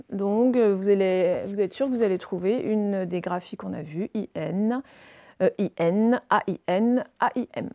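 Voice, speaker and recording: A woman teaches young children to read, spelling out letters one by one and checking in often. Her voice sits a little high. The recording is close and dry, with no room sound. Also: darkish tone, no echo. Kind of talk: reading lesson for children.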